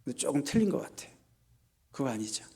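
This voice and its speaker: A male pastor preaching a sermon, animated and rhetorical, moving between loud emphatic lines and quiet asides while he asks his congregation questions. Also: medium pitch, quick pace, husky. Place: church service.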